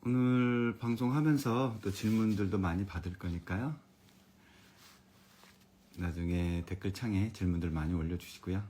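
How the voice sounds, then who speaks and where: A man who specializes in elementary education gives a friendly livestreamed lecture to parents, chatting with viewers and reading their comments aloud. His voice is calm, comfortable and fairly low, at a normal speed, with slight background noise.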